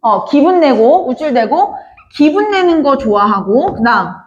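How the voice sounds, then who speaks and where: A woman's voice: high-pitched, big pitch swings, moderate pace, muffled recording, slight background noise. A woman teaching a classroom literature lecture, often calling out to her students and asking whether they understood. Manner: addresses students often, asks many check questions.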